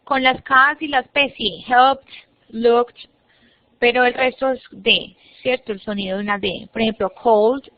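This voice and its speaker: A woman's voice: on the high side, no room sound. A woman teaching an online English class, patiently explaining step by step and modelling words for her students to repeat. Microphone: computer mic on a video call. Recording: muffled, dry online-class audio.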